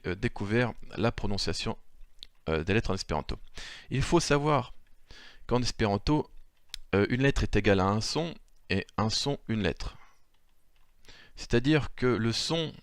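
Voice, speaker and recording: A man's voice: fairly low pitch, dry recording, clean studio sound. A man giving an improvised spoken lesson, hesitant, with many fillers, correcting himself as he goes. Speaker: language teacher. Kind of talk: improvised screen-share lesson.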